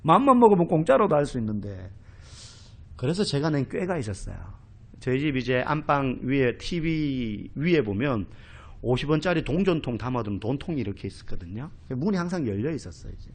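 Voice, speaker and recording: A male pastor preaching an expository sermon in a church, telling stories in an animated way and acting out quoted speech. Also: medium pitch, a little fast. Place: church sanctuary.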